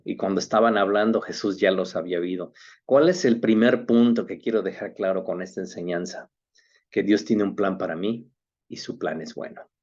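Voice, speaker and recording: A man's voice: deep voice, darkish tone, lo-fi sound. A man, preaching a sermon as pastor in an earnest way, often rising into emphatic questions.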